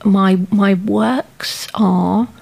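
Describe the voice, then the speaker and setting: A woman's voice: medium pitch, fairly even intonation, extremely slow, gravelly, darkish tone, breathy edge. A woman sculptor answering questions in a radio studio interview, speaking hesitantly with many fillers as she thinks aloud.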